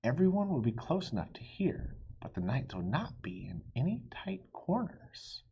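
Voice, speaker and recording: A man voicing a clever, practical lady who calmly suggests ideas in a children's storybook. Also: fairly high pitch, normal speed, gravelly, highs cut off, slight background noise, voice pushed up. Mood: explaining. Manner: calm, suggesting solutions. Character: clever practical lady, helpful wife of a knight.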